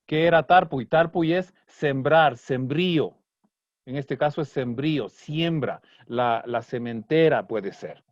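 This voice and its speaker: A man teaching an online Kichwa language class, patiently breaking down song lyrics and slowly repeating words. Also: mid-range voice, dry recording. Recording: dry, slightly dull online class audio.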